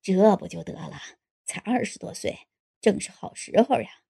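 A woman's voice: lively intonation, normal speed, exaggerated voice. A woman voicing a sly, lecherous man in his late sixties in an audiobook, coaxing and insinuating. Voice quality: low gravelly voice. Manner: coaxing, insinuating, sometimes hushed. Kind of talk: audiobook character voice.

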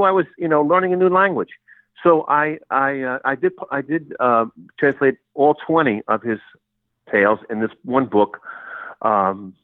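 Over a tinny, phone-like connection with no echo, a medium-pitched man recounts his life in a relaxed interview. He's a college English professor who grew up speaking Sicilian, and he rambles with many restarts.

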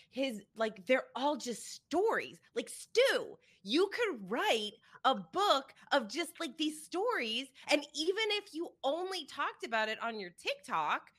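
Bright, effusive woman hosting a podcast. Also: sits high. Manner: effusive, laughing often. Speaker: podcast host. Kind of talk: casual podcast chat.

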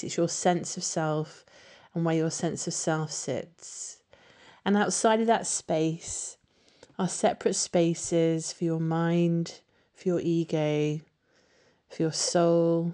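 A woman leading a guided meditation with soothing, unhurried instruction. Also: low-pitched, mellow, clean tone.

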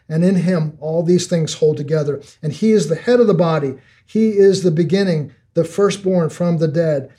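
A man's voice: a little high, dark tone. An older man preaching a sermon, earnest, often repeating words as he builds each point. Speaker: pastor.

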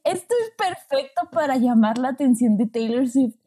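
A woman with a Mexican accent co-hosting a podcast, expressive and playful in casual chat. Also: high-pitched, normal speed, husky. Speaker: podcast host.

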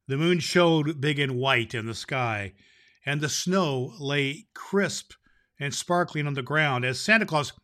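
A man playing a jolly old Santa Claus who hosts a show and reads a Christmas story aloud, with booming ho-ho laughs. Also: bright, forceful tone, exaggerated voice. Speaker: host. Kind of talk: storytelling podcast.

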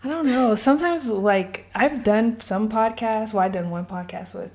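A woman's voice: fairly high pitch, normal speed, a little mellow. Chatty young woman podcast co-host. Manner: upbeat, chatty, laughs often. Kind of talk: casual chat.

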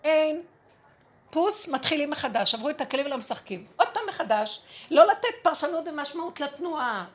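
A woman with a high, lively voice teaches a spiritual lesson to a group. She speaks emphatically, acting out prayers and bits of dialogue.

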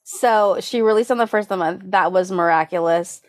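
A woman's voice: lowish voice, brisk, no echo, clean studio sound. A woman co-hosting a podcast in casual chat, congested, chatty and laughing often between her filler words. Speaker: podcast co-host.

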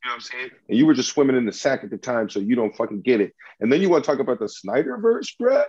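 A man's voice: mid-range voice, sing-song, rapid-fire, a little mellow, breathy edge, muffled recording. Heated, profane man arguing movies. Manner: combative, profane, repeats himself when heated. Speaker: debater arguing a movie case. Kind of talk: heated mock-trial banter.

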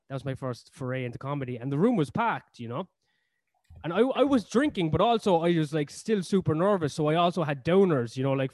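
In a dry recording, a man from Ireland speaks in a fairly high voice with a Cork accent. He's a comedian guest in a relaxed interview, spinning rambling stories packed with fillers and casual swearing.

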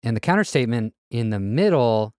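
Guy with a smooth low voice, dry close mic, geeking out about song structure. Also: animated, a little fast, a little mellow, no room sound. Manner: enthusiastic, analytical about musical form. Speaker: podcast co-host. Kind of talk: casual chat about music.

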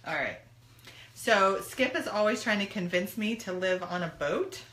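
A woman's voice: mid-range voice, lively intonation, normal speed, fairly bright tone. A woman co-hosting a live stream, chatting casually and laughing easily with her partner. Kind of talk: casual chat. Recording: echoey room.

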